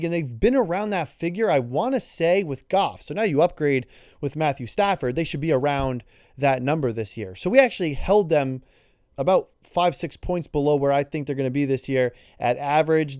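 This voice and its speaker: Mellow-voiced man breaking down a game. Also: fairly high pitch, clean tone, no room sound, clean studio sound. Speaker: podcast co-host. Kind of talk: casual sports podcast talk.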